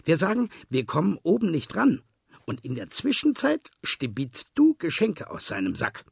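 A man's voice: a little high, huge pitch swings, normal speed, gravelly, slightly rough, dry recording, clean studio sound, pitched above the performer's own voice, full character voice. A man voicing a sly, lazy fox that grumbles and schemes in a storybook reading. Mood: scheming. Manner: grumbling, wheedling.

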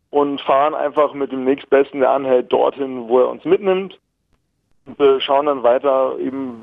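Young male caller, phone-line audio, gravelly voice, chatty and rambling. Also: a little high, no echo. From Berlin, Germany. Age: 20s. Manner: rambling, many fillers and restarts, easy laughs. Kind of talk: casual phone-in chat. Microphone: telephone. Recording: tinny phone line, dry.

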